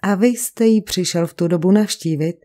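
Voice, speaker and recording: A woman's voice: on the low side, warm tone, lightly acted. A woman reading the lines of a stern male magistrate who questions a suspect coolly, in an audiobook. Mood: cool, probing. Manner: cold, questioning.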